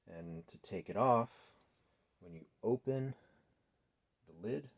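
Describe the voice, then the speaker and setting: A DIY host in his thirties talks through a build in his garage workshop in a low, gravelly voice with a breathy edge, animated yet unhurried. He thinks aloud casually as he works, and the noisy recording picks up clicks.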